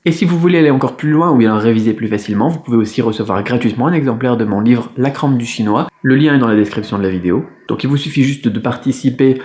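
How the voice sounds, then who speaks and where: A man teaching a beginners' Mandarin lesson in French, patient and clear, repeating each sound slowly. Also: medium pitch, a little mellow. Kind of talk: video lesson.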